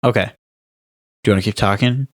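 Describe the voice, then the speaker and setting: A young co-host with a lowish voice speaks at a quick pace on a casual podcast. He laughs often and tells his stories with animated emphasis.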